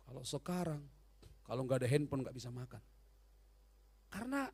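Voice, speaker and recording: A male pastor delivering a humorous, animated sermon and often quizzing the congregation. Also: very high voice.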